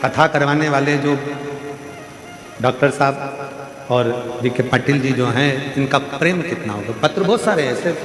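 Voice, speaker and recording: A man delivers a live devotional sermon, stretching and lifting his phrases and calling out to listeners in the crowd. His voice sits at an ordinary middle pitch. It rings through a very reverberant space with faint music underneath. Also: unhurried, pauses often. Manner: emphatic, rising and falling preaching cadence, addresses crowd directly. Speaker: devotional storyteller preacher. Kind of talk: live religious sermon with storytelling.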